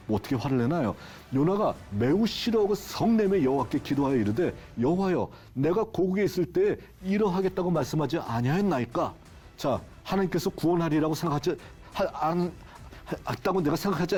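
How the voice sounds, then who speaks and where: Mellow-voiced man giving a Bible lecture. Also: a little high, husky. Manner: asks the audience rhetorical questions; acts out quoted lines with emotion. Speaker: Bible professor. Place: broadcast studio.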